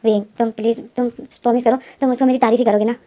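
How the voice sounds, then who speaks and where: A woman's voice: a little high, level tone, very fast, dark tone, lightly acted. A woman voicing a bubbly teenage schoolgirl with a crush, alternately pleading and teasing.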